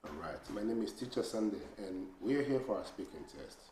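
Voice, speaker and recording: A man's voice: fairly low pitch, animated, a little fast, mellow. A man as a teacher giving an oral speaking test, asking patient questions and giving short praise. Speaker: English teacher and examiner. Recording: very echoey room with faint noise.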